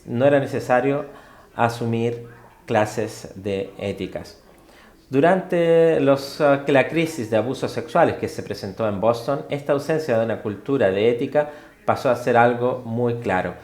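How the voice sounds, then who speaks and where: Halting man interpreting a lecture, roomy sound. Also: medium pitch, a little mellow. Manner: halting, with frequent fillers and self-corrections.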